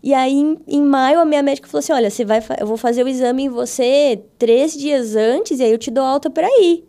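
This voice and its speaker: Brazilian woman guest, high and mellow, fry in the voice, animated storyteller who plays out every quote. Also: brisk. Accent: Brazilian Portuguese. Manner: animated, acts out quoted dialogue with her voice. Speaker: podcast guest. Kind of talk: testimony storytelling in a casual interview.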